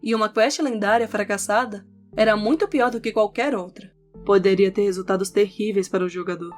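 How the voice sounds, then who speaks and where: A woman narrates an audio novel from a script, her mid-range voice fairly even in intonation and a little fast. Instrumental guitar music plays beneath her voice.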